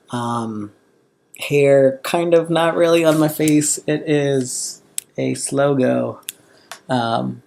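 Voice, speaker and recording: A young American man with a slightly husky voice and a valley girl way of talking, chatting casually in a personal vlog. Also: medium pitch, darkish tone. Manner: valley girl inflection, drawn-out casual phrasing. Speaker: vlogger.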